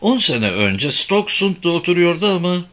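A man's voice: sits high, very animated, normal speed, fairly bright tone, pitched above the performer's own voice. A man voicing a cool, dry policewoman. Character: cool, confident female police officer. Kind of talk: audiobook character voice.

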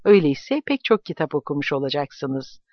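A man's voice: on the high side, sing-song, normal speed, dry recording, lo-fi sound. A man voicing an eager, admiring young man in an audiobook.

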